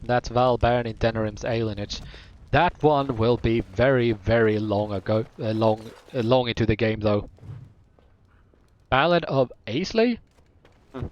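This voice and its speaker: A man's voice: mid-range voice, darkish tone, muffled recording. A rambling man commenting on gameplay. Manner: rambling, with many fillers and self-corrections. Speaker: streamer playing a game. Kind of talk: casual let's-play commentary.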